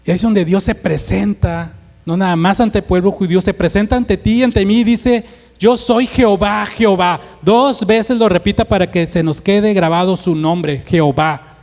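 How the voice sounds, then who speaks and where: Pastor, male, Monterrey accent, high voice, emphatic sermon in a reverberant hall. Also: steady tone, moderate pace. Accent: northern Mexican, Monterrey. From Mexico. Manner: emphatic preaching, acts out dialogue in a forceful voice.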